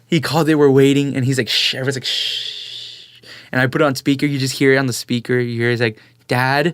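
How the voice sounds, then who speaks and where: A young man, mid-pitched, recounting a story as a podcast guest with excitable, animated energy. He acts out the voices of people in the tale. The close mic sounds dry with no room echo. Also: rapid-fire. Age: young adult. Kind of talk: casual storytelling chat.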